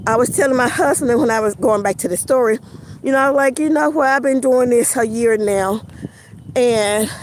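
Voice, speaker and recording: A woman's voice: fairly high pitch, background noise. A woman vlogging casually while walking outdoors in winter, out of breath and rambling with many fillers. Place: outdoors on a snowy winter path.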